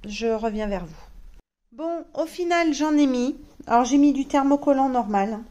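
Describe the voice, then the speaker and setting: A woman's voice: high voice, moderate pace, warm tone. A woman chatting casually to camera as a sewing vlogger, hesitant and rambling with many fillers and self-mocking asides. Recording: roomy echo.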